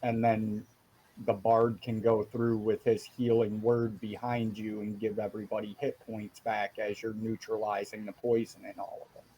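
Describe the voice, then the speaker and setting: A man's voice: fairly low pitch, little pitch movement, moderate pace, mellow, a little hiss or hum, poor audio. Man narrating as dungeon master. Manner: explanatory, descriptive. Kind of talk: narrating a tabletop game.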